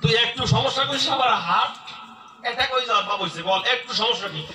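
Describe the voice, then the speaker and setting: Brief: a man playing a worried wealthy master in a comic folk tale, high and pressing, echoey stage sound. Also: fast talker, sharp tone, a little hiss or hum, exaggerated voice. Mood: anxious. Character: rich male homeowner returning from abroad, anxious. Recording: echoey stage sound from far off, music behind.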